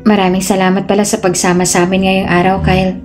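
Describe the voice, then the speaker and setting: A woman voicing a heartbroken pregnant young woman, soft-spoken and tearful, in a storybook tale. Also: mid-range voice, little pitch movement, quick pace, faint music behind, natural voice. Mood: grateful.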